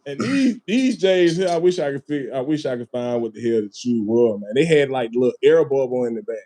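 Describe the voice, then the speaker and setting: A man's voice: medium pitch, animated, a little fast, dark tone. A man hosting a casual podcast, telling a long story with lots of swearing, laughter and "man" and "bro" thrown in. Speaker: podcast host.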